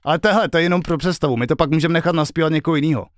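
A man's voice: fairly high pitch, no room sound, clean studio sound. A male streamer at home, chatting casually and joking with a lot of swearing while he works out a song. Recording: loud guitar music behind the voice.

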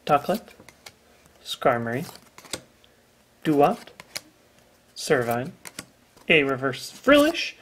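Slow, lively-toned young man listing cards. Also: mid-range voice, slight background noise. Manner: drawling deadpan listing, wry jokes. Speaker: guest co-host. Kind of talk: casual chat, reading out card names.

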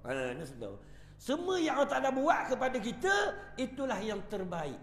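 Big pitch swings and a fairly bright tone mark this preacher's very high voice, which moves at normal speed. With a Terengganu Malay accent, he tells funny stories during an evening lecture in an echoey prayer hall, chuckling and calling "right?" to his listeners.

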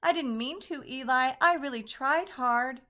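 A woman's voice: high-pitched, unhurried, sharp tone, pitched above the performer's own voice. A woman voicing a small, timid wooden puppet boy who sounds anxious and pleading.

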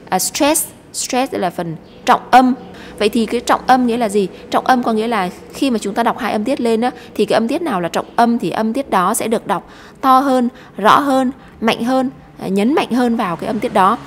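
A Vietnamese woman with a fairly high voice walks young pupils through an English lesson, explaining each step patiently. Her voice carries a long reverberant tail, with a faint hum of ambience underneath. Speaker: English teacher.

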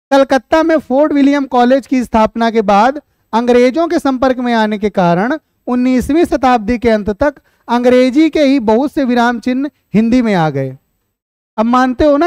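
The voice is a man's, extremely high in pitch yet darkish and smooth, captured in clean studio sound without echo. He runs an online exam-prep Hindi lesson, explaining points, repeating questions back to students, and chatting to viewers as "beta" along the way.

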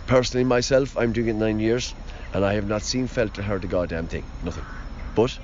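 A man's voice: lowish voice, a little fast, a little mellow. An Irish man, a storyteller and tour guide, talking in a lilting storyteller's way in an interview outdoors. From Ireland. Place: outdoors in a parking lot. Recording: muffled field recording, noisy outdoor traffic.

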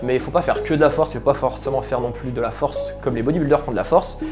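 A man, a fitness trainer, listing training qualities rapidly in a documentary interview. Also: mid-range voice, over music.

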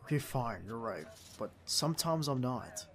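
With a mid-range, slightly bright voice, lively intonation and normal speed, a man plays a young field agent in an ASMR roleplay audio drama. The character is a doting, stubborn, playful boyfriend, and the delivery is tender, teasing, affectionate and protesting.

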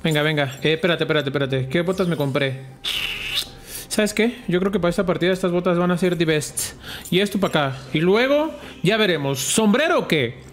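A man with a Mexican Spanish accent giving live gameplay commentary, excitable, repeating words in quick runs, swearing often and dropping in English words. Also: on the high side, faint music behind. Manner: excitable, rapid repetitions, frequent swearing, mixes in English words. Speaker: gamer streamer.

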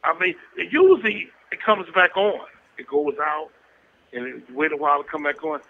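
A man's voice: fairly high pitch, lively intonation, normal speed. A man in his sixties calling in on a prison phone line, chatting casually with a loose, crude way of telling stories. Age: 60s. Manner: loose, crude storytelling with frequent chuckles. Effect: heard over a prison phone line. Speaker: inmate calling into a podcast. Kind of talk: casual chat.

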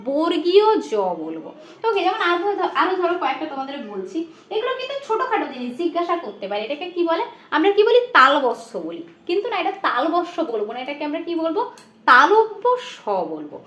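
A woman's voice: extremely high pitch, big pitch swings. A woman teacher with a Bengali accent, patiently explaining an exam-prep lesson and answering her own questions. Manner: chants children's rhymes slowly. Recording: dull lo-fi audio in an echoey room.

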